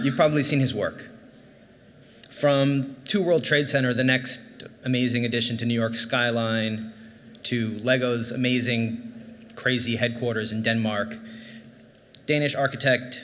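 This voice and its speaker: A man's voice: medium pitch, fairly bright tone. A man speaking as an event host, delivering a formal introduction as a podium speech. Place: large conference hall. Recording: reverberant hall with background noise.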